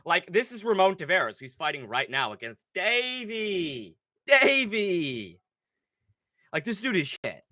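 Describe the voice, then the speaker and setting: Here a young livestream host with a high voice talks a little slowly, the recording dry and studio quality. He's congested from a cold, and his rundown of fight picks is excitable, profane and meandering.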